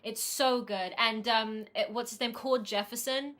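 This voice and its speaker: A woman hosts a casual podcast chat. Her voice sits slightly high and rings brightly, and she speaks earnestly, doubling back on words as she works toward her point. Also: fairly even intonation. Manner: earnest, repeats words, halting restarts. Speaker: podcast host.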